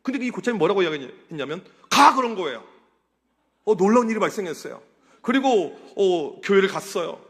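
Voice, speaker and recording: A man in his forties, a pastor giving an animated sermon to a youth group, telling his story and quizzing the teens. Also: high voice, a little fast. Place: church sanctuary. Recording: church hall reverb.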